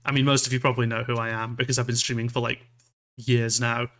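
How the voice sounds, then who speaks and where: A man's voice: mid-range voice, flat delivery, fast, a bit bright. A man from Scotland chatting casually as a livestream host, rambling and self-deprecating, with some casual swearing. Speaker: streamer, VTuber.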